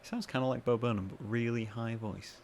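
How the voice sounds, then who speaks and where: A man hosting a podcast in a casual, rambling monologue, with self-mocking asides and quoted voices acted out higher. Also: fairly even intonation, fairly quick, a little hiss or hum. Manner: acts out what others say in higher voices. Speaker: podcast host.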